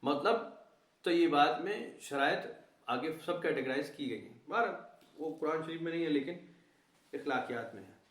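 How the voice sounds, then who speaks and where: Animated man giving a roomy Quran talk. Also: a little high. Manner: animated, mimics people's reactions, mixes English words. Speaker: Quran lecturer. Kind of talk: conversational Quran lesson. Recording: roomy, distant mic.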